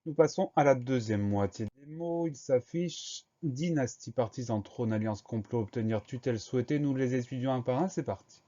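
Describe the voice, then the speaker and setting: Patient teacher spelling words aloud. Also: male voice, mid-range voice, dark tone, muffled recording. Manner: slow, careful letter-by-letter dictation. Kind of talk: spelling lesson for young pupils.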